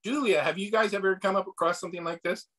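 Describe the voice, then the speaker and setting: A man's voice: sits high, fast talker, fairly bright tone, rough recording. A man leading a casual club meeting on a video call, rambling with fillers and hedges.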